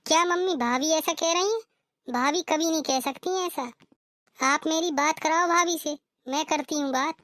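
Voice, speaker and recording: A woman's voice: high-pitched, steady tone, normal speed, dry recording, natural voice. A woman voicing a protective young married daughter in a cartoon, talking urgently. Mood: concerned. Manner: urgent, insistent. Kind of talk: cartoon voice acting.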